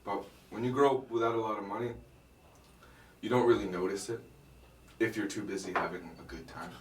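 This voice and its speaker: A young comedian from Miami, United States, chats casually as an interview guest, his lowish voice fairly even in intonation and a little fast. He tells laid-back stories with dry, self-deprecating humor and laughs often, sounding far from the mic in an echoey room.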